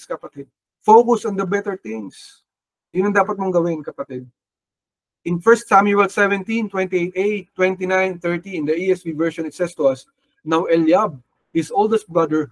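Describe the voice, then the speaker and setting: A man's voice: high voice, no room sound. A man preaching a sermon with a Filipino accent, mixing Tagalog and English and calling listeners brother or sister. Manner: switches between Tagalog and English, calls listeners "kapatid" often; acts out quoted figures with a raised voice. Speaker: pastor.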